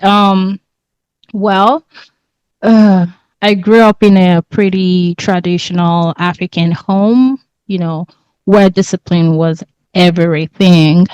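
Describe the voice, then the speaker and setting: Unhurried woman guest from England and Nigeria. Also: lowish voice, fairly even intonation, a little mellow, smooth, no room sound, dull audio. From born in England, raised in Nigeria. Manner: unhurried, thoughtful, laughs easily. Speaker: podcast guest. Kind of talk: casual interview.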